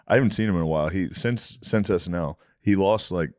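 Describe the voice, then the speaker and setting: Man, podcast co-host, lowish voice, dry close mic, crude banter with frequent laughs. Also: quick pace, a little mellow, dry recording. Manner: laughs often, quotes others in exaggerated voices.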